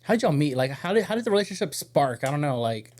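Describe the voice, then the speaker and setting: A man's voice: fairly high pitch, very animated, fast, darkish tone. A man hosting a casual podcast interview, asking eager questions and chiming in with short replies. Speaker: podcast host.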